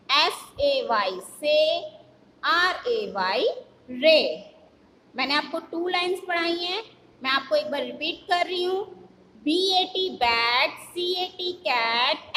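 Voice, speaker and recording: A woman's voice: high-pitched, pushed and bright, long reverb tail, a little hiss or hum, rough recording. A woman teacher with an Indian English accent, drilling phonics for small children, spelling each word letter by letter before saying it. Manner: spells words letter by letter, then says each word slowly. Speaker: school teacher.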